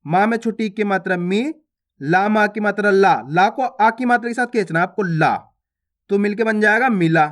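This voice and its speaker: Man, teacher, high-pitched, patient syllable drills, beginners' reading lesson. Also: moderate pace, a bit bright. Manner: addresses viewers as friends.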